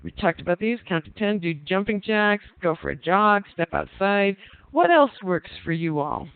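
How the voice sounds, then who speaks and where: High-voiced man teaching over a tinny line. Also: normal speed, vocal fry, smooth. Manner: reads out participants' answers and asks the group questions; relaxed, conversational, frequent ums. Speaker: parenting class instructor. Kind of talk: online class lecture. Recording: tinny phone-like line, dry.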